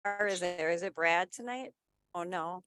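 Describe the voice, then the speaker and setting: A woman's voice: fairly low pitch, moderate pace, over music. A woman joining a meeting over a video call, checking whether others can hear her. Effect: heard over a video call. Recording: muffled video-call audio from off-mic.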